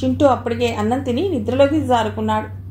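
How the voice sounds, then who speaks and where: A woman narrating an audio novel in a calm, even storytelling manner. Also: on the high side, fast talker. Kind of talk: scripted narration. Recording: echoey room, faint hiss.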